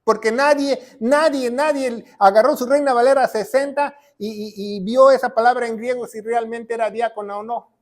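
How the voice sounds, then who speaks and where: A man preaching a teaching sermon in a notably high voice. He drives his points home by repeating phrases and keeps checking in with his listeners as he teaches from a whiteboard. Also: fairly even intonation, normal speed, few pauses. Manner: emphatic, repeats key phrases, frequent "¿va?" check-ins. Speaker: pastor and Bible teacher.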